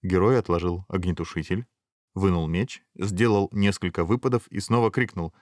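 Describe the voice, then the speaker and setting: A man with a low voice reads a fairy tale aloud, steady and measured. The recording is dry and close, with no room echo. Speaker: narrator. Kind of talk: storybook reading.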